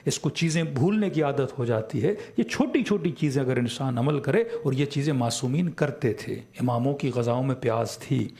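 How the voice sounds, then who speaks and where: A man's voice: mid-range voice, hardly any pauses, darkish tone. A man with a Pakistani Urdu accent giving a religious lecture as a cleric, who often asks a question and then answers it himself. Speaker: Shia cleric.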